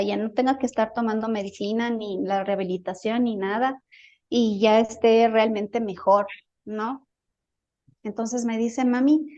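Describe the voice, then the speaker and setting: Interviewed about a healing experience, a woman tells her personal story casually and hesitantly, repeating words while hunting for the right ones. Her voice is fairly high and mellow, and the recording is muffled.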